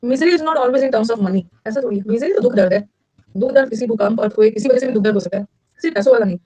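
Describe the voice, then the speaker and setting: A middle-aged woman, teaching vocabulary in a lecture and drilling words with quick repetition and questions to her students. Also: on the high side, mellow, no room sound, poor audio.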